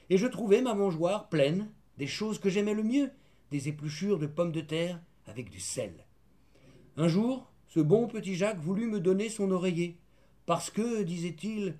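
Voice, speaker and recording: A man narrating a children's storybook in the first person, measured and gentle. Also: high voice. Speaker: audiobook narrator.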